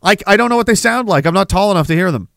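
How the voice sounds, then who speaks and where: A man hosting a livestream reads chat comments and riffs on them sarcastically, often breaking into laughter. His voice sits high, gravelly with a fairly bright tone, expressive and racing, with no room sound.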